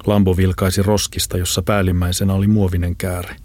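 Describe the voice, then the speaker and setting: A man reading an audiobook in a steady, measured narration. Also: low-pitched, dry recording. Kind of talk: scripted narration.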